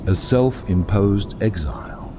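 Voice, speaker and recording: In an audio drama, a male actor plays a proud, brooding submarine captain who has exiled himself. His gravelly, lowish voice sounds defiant, and his delivery is grandiose, deliberate and theatrical, with background noise behind him.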